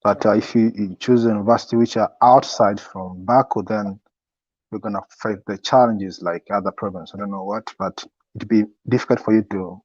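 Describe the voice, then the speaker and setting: A young man in a casual interview, giving advice as a student guest in a halting way, often repeating his words. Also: fairly low pitch, steady tone, darkish tone. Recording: echoey, dull lo-fi sound.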